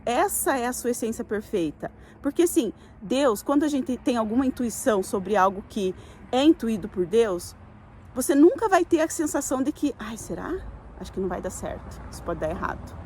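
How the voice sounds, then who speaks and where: Middle-aged woman, Brazilian accent, higher-pitched, chatty spiritual talk to camera, heavy on fillers and tag questions. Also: slight background noise. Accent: Brazilian Portuguese. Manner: conversational, many fillers and tag questions, quotes herself in lively voices. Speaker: spiritual YouTuber.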